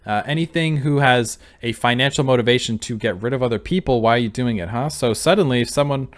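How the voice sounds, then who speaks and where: A man with a medium-pitched voice talks fast, offering casual reaction commentary as a video reactor, musing and thinking aloud as he goes. Faint music plays in the background.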